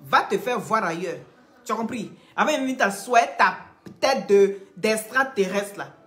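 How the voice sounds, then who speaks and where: A woman hosting a live stream, teasing and scolding commenters in a chatty way and pitching products to viewers. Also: animated, measured pace, fairly bright tone. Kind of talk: casual live-stream chat and sales pitch.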